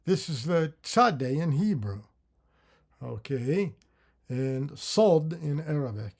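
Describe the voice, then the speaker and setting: A man teaching a lecture on consonant sounds, slowly voicing example syllables and thinking aloud with fillers and restarts. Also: a little high, sing-song, a little mellow. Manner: slow, deliberate, with drawn-out syllable demos. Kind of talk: lecture on phonetics with spoken sound demonstrations.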